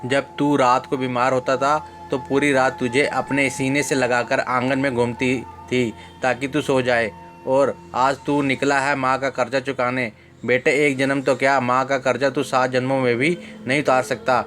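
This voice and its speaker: A man's voice: medium pitch, level tone, normal speed, fairly bright tone, faint music behind, natural voice. An aging mother, read by a male narrator. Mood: gentle. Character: aging mother, patient and reproachful.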